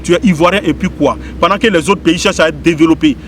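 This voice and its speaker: A man's voice: a little high, fast talker, fairly bright tone, slight background noise. A man from Ivory Coast with an Ivorian French accent, giving an impassioned address that repeats points and questions the listener. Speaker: spiritual medium giving a public message. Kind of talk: impassioned direct-to-camera address.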